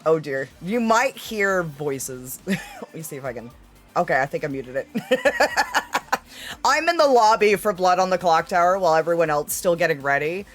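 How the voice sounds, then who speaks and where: Faint music plays behind a woman whose lowish voice moves at a moderate pace with huge pitch swings. Playing a fae on her casual livestream, she chats in a giggly, theatrical, affectionate manner and addresses her audience as darlings.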